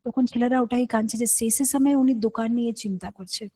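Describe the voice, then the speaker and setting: A woman gives a devotional scripture class, telling stories and slipping into the voices of the people in them. Her voice sits fairly high but sounds mellow and warm. The recording is dry and close. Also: fairly even intonation, fast, dry recording, rough recording. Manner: storytelling, acts out quoted voices with English words mixed in. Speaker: preacher giving a scripture class.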